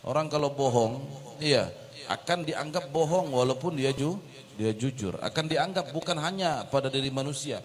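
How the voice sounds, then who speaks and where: A man interpreting a sermon, retelling its story in a lively way with explaining asides. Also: mid-range voice, moderate pace. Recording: long reverb of a large hall.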